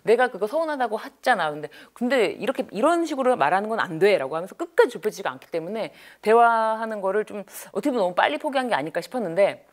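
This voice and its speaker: Lively woman counselor telling a case. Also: lowish voice. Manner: animated, expressive, acts out quotes. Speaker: divorce counselor and lecturer. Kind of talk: storytelling lecture.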